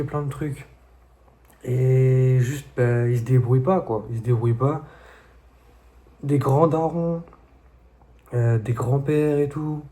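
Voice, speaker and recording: A man's voice: medium pitch, dark tone. A young man telling stories to his viewers in a casual, slangy, laid-back way. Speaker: vlogger. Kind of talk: casual storytelling monologue to viewers.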